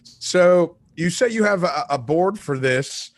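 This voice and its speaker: A man's voice: on the high side, slow, dry recording, studio quality. A man in his late forties hosting a fishing talk show, chatting casually and joking, acting out quotes in his stories. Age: 40s. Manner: animated joking storyteller with acted-out quotes. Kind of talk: casual live-stream chat.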